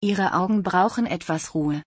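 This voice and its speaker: A woman calmly reading out scripted instructions for a guided relaxation exercise. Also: on the low side, breathy edge, no echo, studio quality. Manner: calm, slow, repetitive prompts.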